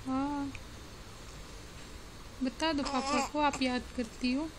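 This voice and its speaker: A woman's voice: high voice, level tone, slow. A mother coaxing her baby in sing-song baby talk, repeating her phrases, on a noisy home recording.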